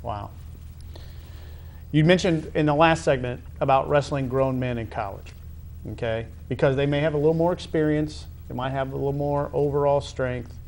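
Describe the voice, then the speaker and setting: Hosting a chatty sports interview, this middle-aged American talk show host, who is also a high school athletic director, questions his guest with emphasis. He speaks at normal speed in a medium-pitched, fairly even, slightly mellow voice.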